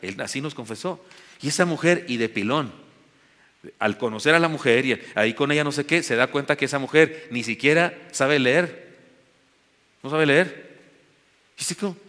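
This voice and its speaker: Bright-voiced Mexican preacher in a reverberant church. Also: male voice, mid-range voice, moderate pace, long pauses. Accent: Mexican Spanish. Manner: earnest storytelling preacher, rises to emphatic exhortation. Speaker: pastor. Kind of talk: sermon. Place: church sanctuary with long reverb.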